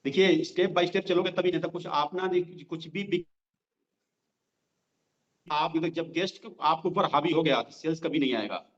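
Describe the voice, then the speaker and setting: A man running a direct selling training session, talking directly to his listeners and repeating each line slowly so they can write it down. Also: fairly high pitch. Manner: repeats lines slowly for note-taking; conversational, addresses listeners directly. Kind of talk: sales training lesson. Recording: dull lo-fi sound.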